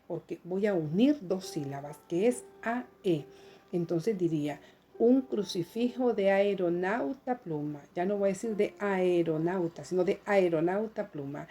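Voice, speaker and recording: A woman teacher talks through a recorded lesson, slow and patient as she explains each step to students at home. Her voice is dark and mellow, sitting at a middle pitch for a woman. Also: slight background noise.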